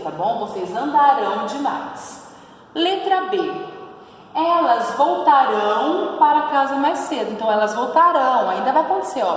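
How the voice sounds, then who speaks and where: A Brazilian woman teacher with a slightly high voice gives a patient grammar lesson. She stretches key syllables and keeps checking in with her pupils. Her voice sounds a little distant in a roomy space with a long, echoey tail. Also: a little hiss or hum. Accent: Brazilian Portuguese. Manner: patient, drawn-out stress on verb endings, frequent "tá bom?" check-ins. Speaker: Portuguese teacher.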